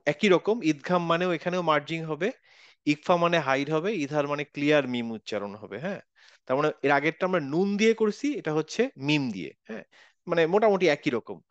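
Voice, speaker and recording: A patient man leads an online recitation class, walking through each rule step by step and drawing out example words slowly. His voice sits fairly high and smooth. The sound is dry and slightly muffled, like a call. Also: dry recording. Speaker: Quran recitation teacher. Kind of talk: online tajweed class, explaining rules.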